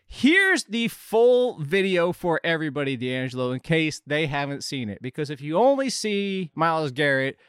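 An energetic man with a fairly high voice hosts a sports talk show and walks viewers through the incident. The sound is dry and close, with no room echo. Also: normal speed, hardly any pauses, clean tone.

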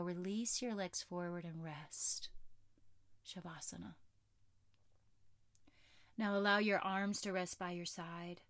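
A woman yoga instructor guiding relaxation slowly in a soft, soothing near-whisper. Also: fairly low pitch, creaky, no echo.

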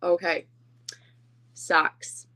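A woman's voice: very slow, sharp tone, poor audio. A woman co-hosting a podcast in casual chat, talking in an informal, chatty, self-deprecating way. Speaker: podcast co-host.

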